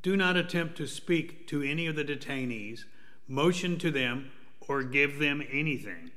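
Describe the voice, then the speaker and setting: A man's voice: on the high side, animated, normal speed, pushed and bright, long reverb tail. A man reading stern, instructive courtroom announcements. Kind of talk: scripted announcements.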